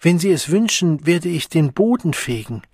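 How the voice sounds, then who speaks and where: A man's voice: on the high side, expressive, moderate pace, darkish tone, slightly rough, no echo, voice pushed up. An earnest, lovesick young man pours out pleading, verse-quoting speeches, as a male narrator puts him on. The voice sits raised and impassioned with a slight huskiness. It is an audiobook recorded dry and close.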